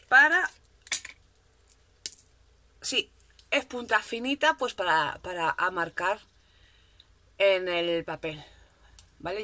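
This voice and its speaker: A woman's voice: lowish voice, bright, forceful tone, a little hiss or hum. A woman chatting casually at her home craft desk, showing off a shopping haul in a chatty, self-mocking way and checking in with her viewers often. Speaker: crafting vlogger.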